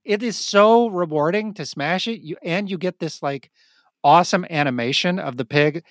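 Excitable male podcast co-host, swears a lot, dry close sound. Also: a little high, moderate pace, no echo. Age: adult, married. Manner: excitable, swears freely, laughs often. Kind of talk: casual chat.

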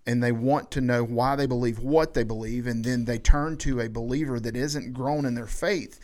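A man's voice: medium pitch, steady tone, moderate pace, darkish tone. A man with a slight Southern accent hosting a casual podcast conversation and guiding the discussion. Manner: conversational, frequent affirming backchannels. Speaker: podcast host.

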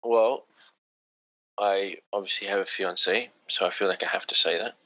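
A man in a casual chat among friends, quick to disbelieve and scoff. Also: low-pitched, steady tone, pushed and bright, no room sound, lo-fi sound. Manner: quick to disbelieve, says nah and no way.

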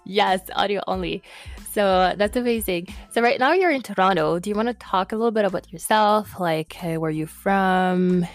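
A woman's voice: mid-range voice, normal speed, no echo, faint music behind. A woman hosting a podcast, interviewing a guest casually, friendly and agreeing, laughing along. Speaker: podcast host.

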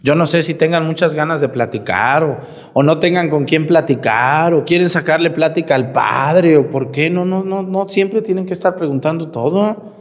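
A man's voice: fairly high pitch, moderate pace. Man, priest, colloquial teasing homily, rhetorical questions, long church reverb. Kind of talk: homily at Mass.

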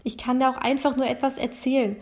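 A gentle young man trying to comfort someone, speaking softly and kindly as a woman reader puts him on. His voice sits a little high, and his tone stays calm and soothing throughout. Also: fast. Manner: soft, consoling.

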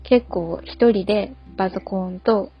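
A woman's voice: mid-range voice, steady tone, a little slow, husky, lo-fi sound, faint music behind. A young adult woman co-hosting a podcast in casual chat, chatty and self-mocking with frequent giggles. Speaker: podcast co-host.

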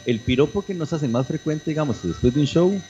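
A man's voice: on the high side, animated, normal speed, dark tone, a little hiss or hum. Jokey man guest, muffled sound. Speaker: comedian guest. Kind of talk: casual chat.

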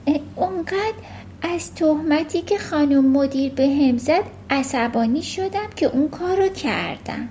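A woman's voice: high voice, mellow, slight background noise, voice pushed up, natural voice. A woman voicing an earnest little schoolgirl with strange powers, telling things plainly.

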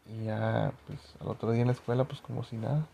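Talking fast, a young Mexican-accented man rambles through a personal anecdote full of slang and profanity. His voice is lowish and warm with vocal fry, and there is slight background noise.

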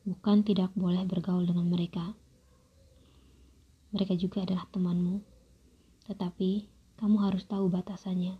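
A young woman telling a first-person story in a soft, calm, measured, near-whispered voice. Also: on the low side. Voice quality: breathy, husky. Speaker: narrator. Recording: dull lo-fi recording.

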